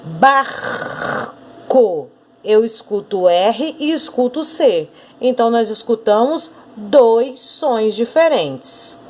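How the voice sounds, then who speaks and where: A Brazilian woman teaching an online class to children, explaining slowly and deliberately and often saying "look". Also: a little high, expressive, a little mellow, a little hiss or hum. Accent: Brazilian Portuguese. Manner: slow, deliberate explanations with frequent "olha".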